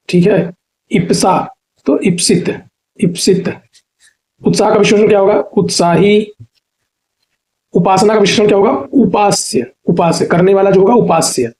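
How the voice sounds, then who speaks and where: A man teaching a Hindi exam-prep class, asking a question and then answering it himself, repeating each answer and spelling words out slowly. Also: high voice, darkish tone. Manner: drops "theek hai" checks between points.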